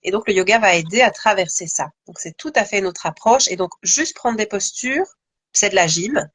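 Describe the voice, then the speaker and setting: A woman's voice: medium pitch, lively intonation, moderate pace, a bit bright, slightly rough, dry recording. Thoughtful woman in dry close sound. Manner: thoughtful, many fillers and restarts. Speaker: guest, yoga teacher. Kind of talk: conversational live interview.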